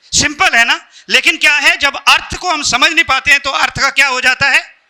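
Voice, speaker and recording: Male spiritual speaker, Indian accent, high bright voice, joking storyteller who quizzes the audience. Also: moderate pace. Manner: storytelling with jokes, asks the audience questions. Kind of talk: motivational talk to an audience.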